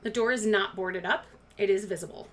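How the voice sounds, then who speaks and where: A woman's voice: mid-range voice, fairly quick. A woman narrating a tabletop game as game master, describing scenes and slipping into casual chat.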